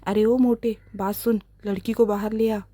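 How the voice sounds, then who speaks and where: A woman's voice: mid-range voice, little pitch movement, moderate pace, dark tone, no echo, lightly acted. A woman voicing a threatening male kidnapper who barks short orders. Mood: bossy. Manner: bossy, threatening. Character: gruff male kidnapper with a gun.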